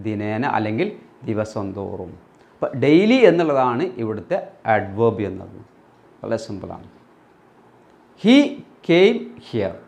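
Man, English teacher, very animated pitch, medium voice, asks and answers his own questions, slow English examples. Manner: mixes English words into his explanations; reads English example sentences slowly and deliberately. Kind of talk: explaining grammar in a recorded lesson.

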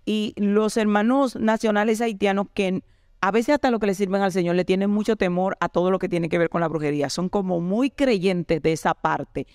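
A woman's voice: medium pitch, normal speed, dry recording, clean studio sound. A woman pastor, telling her own testimony in an interview and acting out the dialogue as she goes. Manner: animated storyteller acting out dialogue.

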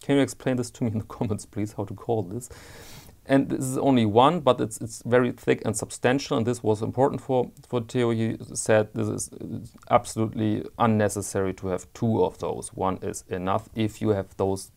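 A man's voice: on the low side, steady tone, normal speed, gravelly, a little mellow. A man giving a casual watch strap review, hesitant and often repeating words as he searches for them, with candid personal opinions.

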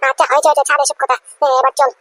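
A woman's voice: high voice, flat delivery, racing, bright, forceful tone, dry recording. A woman voicing a scolding, nagging mother in a cartoon. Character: scolding older mother of a company family.

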